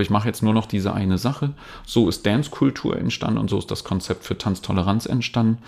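Middle-aged male interviewee, lowish pitch, chatty storyteller, reflective tone. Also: darkish tone. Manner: chatty, reflective, with small laughs and tag questions. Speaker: dance trainer, podcast guest.

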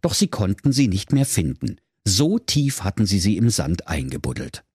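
A man narrating a comic fairy tale in a playful, expressive storytelling manner. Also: lowish voice, normal speed, breathy edge, dry recording, clean studio sound.

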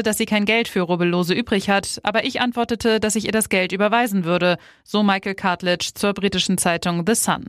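A woman presenting news stories in a brisk, even, scripted read. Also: medium pitch, dry recording, clean studio sound.

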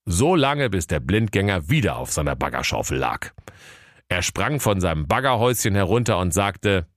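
A man's voice: low-pitched, big pitch swings, moderate pace, no echo, clean studio sound. A man narrating a comic fairy-tale parody in a mock-solemn storytelling tone.

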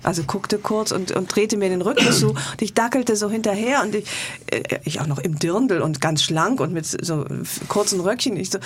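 A middle-aged woman, a talk show guest, telling lively anecdotes with self-mocking humor. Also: mid-range voice, moderate pace, slight background noise.

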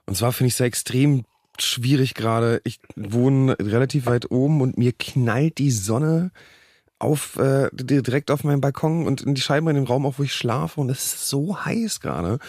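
A man's voice: mid-range voice, normal speed, darkish tone, dry recording, studio quality. A man co-hosting a podcast, talking candidly in a rambling casual chat. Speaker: podcast co-host.

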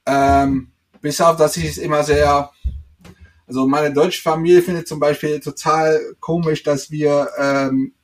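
A man's voice: fairly high pitch, little pitch movement, unhurried. A man, a guest in a casual interview, talking hesitantly with many filler sounds. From Netherlands. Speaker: podcast guest.

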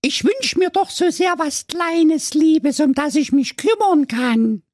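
A man's voice: very high-pitched, slow pace, darkish tone, no room sound, clean studio sound, voice pushed up. A man voicing a bratty, squealing fifteen-year-old girl in a comic fairy-tale parody. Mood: pleading. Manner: squealing, whiny, crude.

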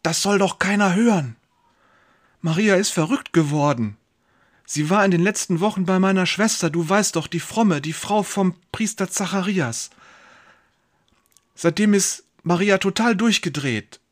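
A man voicing an embarrassed older village father who speaks hushed and urgently. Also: high-pitched, a little slow, voice pushed up.

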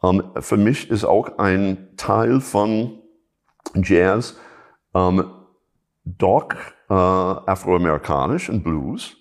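A middle-aged jazz musician and teacher from Chicago, a native English speaker, speaks German with an American accent as a guest in a casual interview. His low, animated voice comes out hesitantly, with many pauses, fillers, and restarts.

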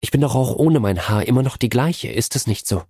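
A man's voice: medium pitch, expressive, a little fast, mellow, breathy edge, no echo, studio quality, voice pushed up. A man reading a storybook voices a young wife who pleads with her husband through tears and then turns tender. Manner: sobbing, pleading.

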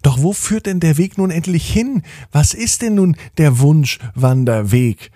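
An eager, curious young girl from a bedtime story asks question after question in a raised, lively voice. A man plays her, his husky, gravelly timbre still showing through. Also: mid-range voice, normal speed, dry recording, clean studio sound, voice pushed up. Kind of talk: storybook narration.

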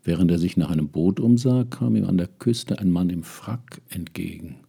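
Here an older man reads a story and reflects aloud, talking straight to the audience in a musing way. The voice is low and dark, gravelly and husky, moving at normal speed.

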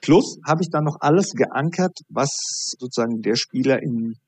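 Male coach guest, husky voice, animated storyteller, dry close recording. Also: medium pitch, normal speed, dry recording. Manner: animated storytelling, acting out dialogue. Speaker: high performance coach. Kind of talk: podcast interview guest.

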